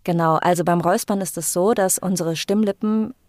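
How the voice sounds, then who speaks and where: A woman's voice: lowish voice, fairly quick, darkish tone, dry recording, clean studio sound. A woman voice coach explaining her work in a podcast interview, thoughtful and explanatory, with frequent fillers.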